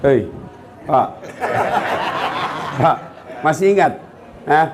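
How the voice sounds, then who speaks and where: High-voiced teasing preacher man. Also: drawn-out words, heavy background noise. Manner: animated, teasing, calls out to the audience. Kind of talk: comedic sermon to a congregation.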